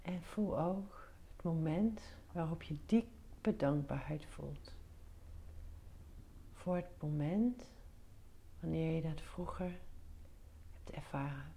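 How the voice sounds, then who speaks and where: A woman guiding a meditation in a soft, breathy near-whisper, soothing, giving short instructions with pauses. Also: deep voice. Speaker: meditation guide. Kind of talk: guided meditation.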